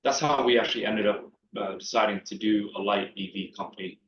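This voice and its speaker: A low-pitched man speaks in a halting, casual way, full of fillers as a startup co-founder. The sound is roomy with a lot of echo and comes through dull and lo-fi. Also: a bit bright. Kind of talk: casual panel talk. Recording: echoey, dull lo-fi room sound.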